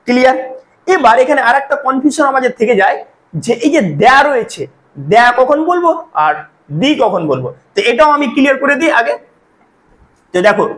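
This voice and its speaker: A man's voice: extremely high pitch, fairly bright tone, low-quality recording. A man teaching English grammar to Bengali-speaking students, with a Bengali accent, explaining step by step and often checking that students follow. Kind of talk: grammar lesson.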